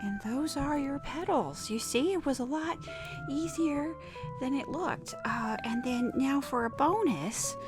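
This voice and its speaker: Music runs under this scripted horror-comedy podcast monologue, a mock drawing lesson. Her voice sitting high, a woman voices an awkward, wistful art teacher on a macabre comedy show, speaking patiently in a halting, deliberate, hesitant instructor's way.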